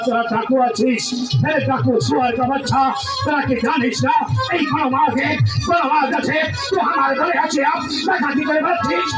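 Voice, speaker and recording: Hammy stage fighter in village theatre, super high voice, blustering threats, music blaring behind. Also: male voice. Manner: blustering, shouted, drawn-out threats and insults. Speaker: stage actor in a jatra folk theatre play. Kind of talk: hammy, declamatory folk theatre stage acting. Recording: echoey stage sound with loud music.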